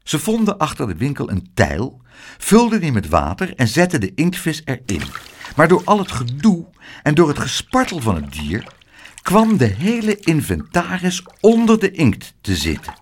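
A man's voice: a little high, moderate pace, a little hiss or hum. Een man vertelt een kinderboek, expressief en beweeglijk in toon. Zijn stem ligt iets hoog en springt voortdurend op en neer. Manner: animated, expressive. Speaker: storyteller. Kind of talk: children's story reading.

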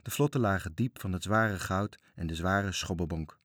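Man, storybook narrator, expressive, low voice, dry close recording. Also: moderate pace, no echo. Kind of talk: storybook reading.

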